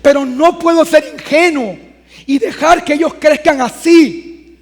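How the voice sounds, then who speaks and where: Very high-voiced preaching man in a hall. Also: unhurried. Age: 30s. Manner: conversational preaching that swells into loud emphatic passages. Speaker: pastor. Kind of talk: sermon.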